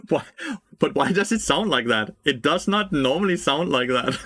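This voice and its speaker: A man's voice: on the high side, fairly bright tone, no echo, clean studio sound. A young man streaming a game, giving blunt, profane commentary, laughing and answering chat. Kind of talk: casual gameplay commentary.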